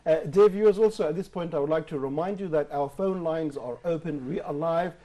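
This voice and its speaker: A man leads a live television talk show from the studio. His voice sits a little high for a man yet sounds mellow and warm. He frames each question with measured, emphatic phrasing.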